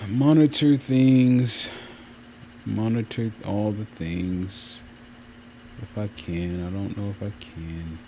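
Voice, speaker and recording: A man's voice: on the low side, takes it slowly. A man chatting casually on a livestream from a room at home, rambling and often circling back to repeat himself. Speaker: streamer hosting a channel. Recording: clear steady fan noise. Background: fan running.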